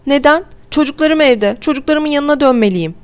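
A woman's voice: a little high, fairly quick, voice pushed up, lightly acted. A woman reading aloud, voicing a frantic young mother who pleads desperately to go home to her children. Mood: desperate pleading. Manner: pleading, raised and strained.

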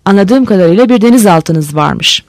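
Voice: medium pitch, expressive, moderate pace, no echo, studio quality, natural voice. A reader voicing a male navy officer who is formal, respectful and firm.

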